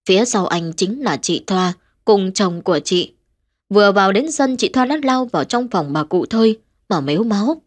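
A woman narrates a scripted ghost story at a steady, measured pace. Her pitch stays in the middle of the female range, and she keeps her delivery even and deliberate throughout.

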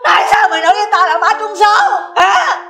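An actress playing a quarrelsome, dramatic daughter in a comic family melodrama, shrill and scolding. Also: female voice, very animated, a little fast, heavily acted. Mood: pleading.

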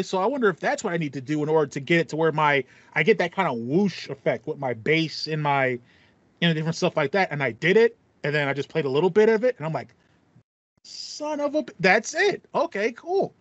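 Recorded in a small indoor home room with a foam panel, this young man's podcast is a casual chat where he tells stories and performs his reactions. His pitch is fairly high, and the audio sounds dull with no room sound.

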